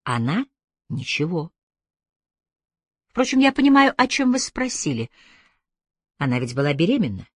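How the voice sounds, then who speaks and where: A woman reading an audiobook voices a reserved male police detective, quiet and measured. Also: on the low side, big pitch swings, no room sound. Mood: restrained.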